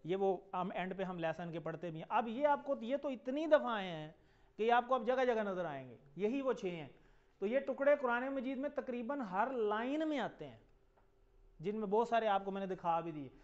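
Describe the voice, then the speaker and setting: Male teacher, high voice, patient call-and-repeat drilling, dull lo-fi recording. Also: expressive, moderate pace. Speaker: Arabic teacher. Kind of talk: classroom lesson with call-and-repeat.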